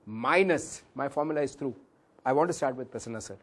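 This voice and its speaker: Speaking briskly at a medium pitch, a man with an Indian English accent runs a valuation workshop. His voice cracks now and then, he addresses listeners as sir and slips into Hindi phrases, and the lecture takes audience questions.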